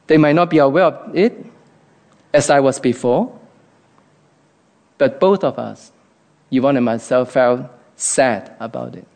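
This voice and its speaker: A man's voice: medium pitch, a little slow, gravelly, long pauses, darkish tone. A man from Hong Kong with a Hong Kong accent, giving an earnest, reflective devotional talk.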